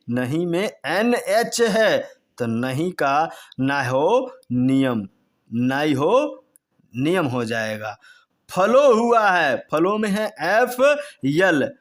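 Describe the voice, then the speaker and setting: A man teaching a chemistry lesson, repeating memory tricks slowly in a sing-song way and jumping up in pitch on key words. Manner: slow, repetitive, sing-song drilling of mnemonics.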